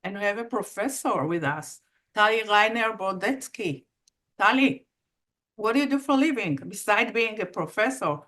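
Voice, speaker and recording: A woman hosting an event, introducing panelists in a halting way with many pauses and fillers. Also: medium pitch, animated, a bit bright. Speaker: host.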